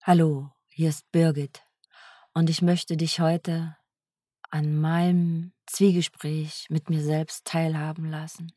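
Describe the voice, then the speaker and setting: A woman speaking softly in an introspective self-dialogue, searching for words and often sinking into a whisper. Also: low-pitched, flat delivery, slow, no room sound, clean studio sound. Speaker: energy healer.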